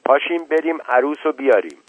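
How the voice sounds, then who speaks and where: Man reading as a commanding older village mother, loud, husky, tinny phone-like sound. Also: medium pitch, lively intonation, no echo. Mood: urging. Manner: loud, commanding calls to the crowd. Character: bossy older village woman, groom's mother. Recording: tinny phone-like dry recording.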